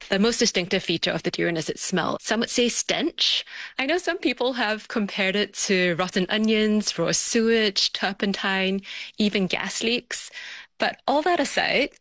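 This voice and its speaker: A woman's voice: mid-range voice, fairly bright tone, dry recording. A woman science broadcaster on a radio panel, explaining things in plain, illustrative terms. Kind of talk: explanatory radio storytelling with analogies.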